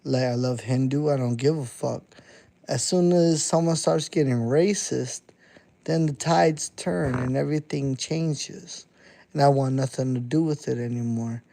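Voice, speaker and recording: An underground hip-hop artist in his thirties delivers a casual live-stream monologue to his chat, blunt, profane and repetitive. His voice is medium-pitched, gravelly and warm, and he takes his time.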